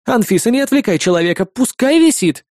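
A man's voice: very high-pitched, very animated, a little fast, a little mellow, no room sound, studio quality, pitched above the performer's own voice. A man voicing chatty, nosy old grannies stuck in a cable car, speaking in a prying, fussy way.

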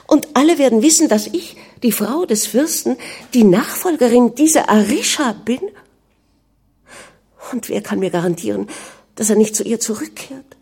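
A woman's voice: lively intonation, moderate pace, mellow, breathy edge. A woman voicing a sobbing young princess. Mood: anguished. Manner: sobbing, high-pitched and desperate. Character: young distraught princess, newly married.

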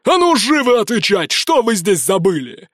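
A short, gruff dwarf leader snaps and sneers in this audiobook, as a man acts him out. His voice sits high and leaps all over the place. The sound is close and dry. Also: big pitch swings, normal speed, darkish tone, dry recording. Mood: angry. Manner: barking, sarcastic. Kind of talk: audiobook character voice.

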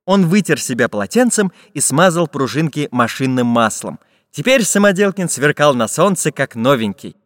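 A man narrating a children's fairy tale audiobook in a lively storytelling manner. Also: fairly high pitch, normal speed, no echo, clean studio sound, long reverb tail.

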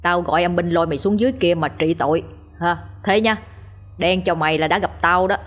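A woman voicing a brash young male exorcist in a ghost story, talking quickly in a mocking, cheeky way. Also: lowish voice, natural voice.

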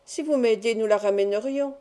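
A woman's voice: fairly high pitch, a little fast, warm tone, close to an everyday voice. A woman voicing a proud, wild young peasant beauty who talks back defiantly. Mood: pleading.

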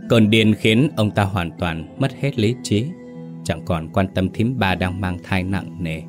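A man narrating a ghost story with a steady, grave reading. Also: low voice, unhurried. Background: soft music.

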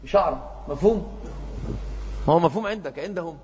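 A man's voice: a little high, lively intonation, quick pace, darkish tone, slight background noise. A man giving a classroom lecture on hadith, often quizzing his students with check questions. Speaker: hadith teacher. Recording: muffled echoey lecture hall.

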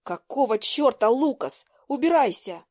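A woman voicing an indignant, hot-tempered teenage schoolgirl who shouts her lines sharply. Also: medium pitch, a little slow, no room sound, clean studio sound, natural voice. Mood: furious, indignant.

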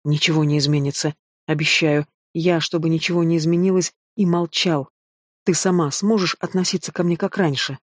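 A man's voice: on the high side, fairly even intonation, normal speed, dry recording, clean studio sound, natural voice. A man voicing a remorseful grown man pleading with the woman he loves in an audiobook.

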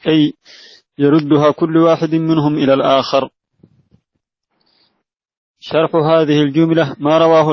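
A man reads a religious commentary aloud to his teacher, fairly high-pitched and very even in tone. He recites in a measured way and now and then slips and corrects himself. The recording is dry and dull, like an old lo-fi lesson tape. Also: no echo. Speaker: student reading a text aloud to a sheikh. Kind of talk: formal reading of a religious commentary.

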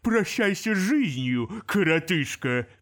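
A brutal, vain demon chieftain roars through a storybook scene, as a man voices him. His snarls come slow and drawn out, loud and pitched up in fury. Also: big pitch swings. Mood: furious.

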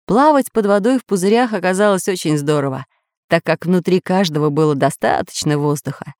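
A woman's voice: on the low side, a little fast, no echo, studio quality. A woman narrating a children's audiobook expressively. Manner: expressive, storytelling.

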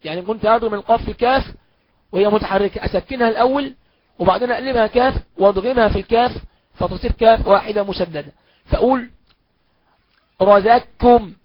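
A man with an Egyptian accent teaching a recorded Quran recitation lesson, explaining step by step, asking and answering his own questions and chanting the examples slowly. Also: sits high, dry recording, dull audio. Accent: Egyptian Arabic.

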